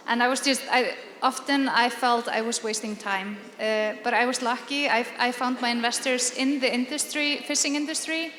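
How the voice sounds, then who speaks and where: A woman's voice: on the high side, fairly bright tone. A woman panelist answering candidly on stage, with frequent hesitations. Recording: echoey hall with faint noise.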